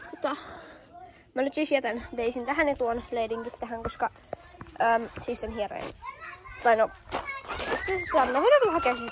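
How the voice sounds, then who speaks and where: High-voiced chatty young woman outdoors. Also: noisy background. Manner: chatty, many fillers, calls out commands. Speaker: vlogger. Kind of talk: casual hobby-horse riding vlog. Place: outdoors in a large field. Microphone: handheld camera.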